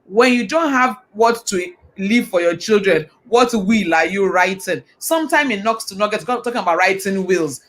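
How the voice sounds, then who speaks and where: A woman hosts a live online talk show with an enthusiastic, affirming manner. She sums up her guest's points and asks questions with lively energy. Her voice sits at a middle pitch. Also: moderate pace, hardly any pauses. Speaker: host.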